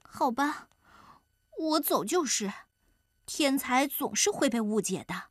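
A woman's voice: high-pitched, lively intonation, slow, dry recording, clean studio sound, exaggerated voice. A woman voicing a cocky, hot-headed young male rooster in a children's storybook. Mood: sulky. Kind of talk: storybook voice acting.

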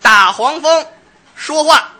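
A man's voice: very high-pitched, animated, slow, bright, forceful tone, a faint crowd. A man performing Chinese crosstalk comedy on stage as a bossy director correcting his partner. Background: audience laughter.

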